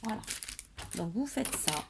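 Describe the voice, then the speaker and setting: A woman's voice: mid-range voice, expressive, a little slow, creaky, heavy background noise. A woman hosting a home papercraft tutorial, drowsy and tired, chatting in a rambling way with lots of fillers. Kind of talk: casual tutorial chat. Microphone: camera on a tripod.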